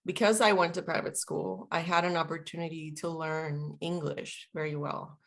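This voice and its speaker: Pitched low and creaky, her voice holds a steady tone at normal speed. She's a guest in an interview, a veteran and linguist around forty from Puerto Rico whose first language is Spanish, musing casually and filling gaps with plenty of fillers.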